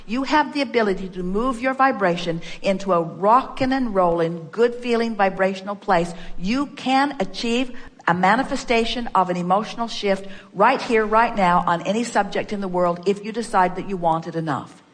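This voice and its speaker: Woman, seminar speaker, emphatic and repetitive, mid-pitched voice with a long hall reverb. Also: moderate pace. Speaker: spiritual teacher. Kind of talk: inspirational seminar talk.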